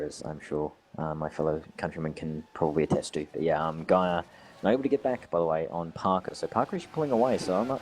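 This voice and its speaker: A man's voice: extremely low pitch, a little mellow, slight background noise. A man with an Australian accent doing chatty live commentary on a sim race, rambling with frequent asides.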